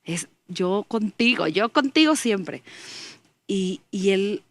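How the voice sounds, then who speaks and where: A woman's voice: mid-range voice, animated, slow pace, dry recording. A woman, a guest giving an earnest faith testimony as she tells a story and acts out the dialogue in it.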